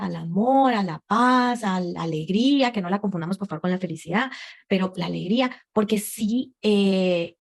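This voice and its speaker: A woman leading a group conversation, asking many rhetorical questions and acting out voices as she speaks. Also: mid-range voice. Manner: expressive, animated delivery. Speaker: conversation facilitator. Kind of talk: motivational talk to a group.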